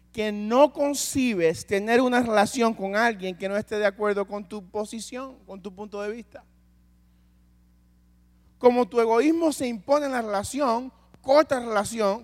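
A man with a high voice preaches a sermon. He fires rhetorical questions at the congregation and drops from loud urging to a near hush. His words ring out with a long reverb, as in a big hall.

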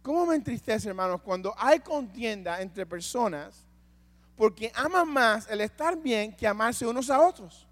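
A man with a high voice preaches a sermon. He fires rhetorical questions at the congregation and drops from loud urging to a near hush. His words ring out with a long reverb, as in a big hall. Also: lively intonation, measured pace.

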